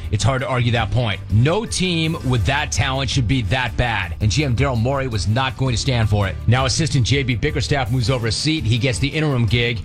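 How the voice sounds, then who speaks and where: A man delivering scripted, opinionated sports commentary as a radio commentator. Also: medium pitch.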